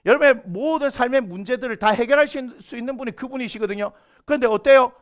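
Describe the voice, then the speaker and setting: A man's voice: very high-pitched, quick pace. A middle-aged man, a senior pastor, preaching a sermon in a church. He asks the congregation questions and briefly acts out the voices he quotes. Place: church sanctuary.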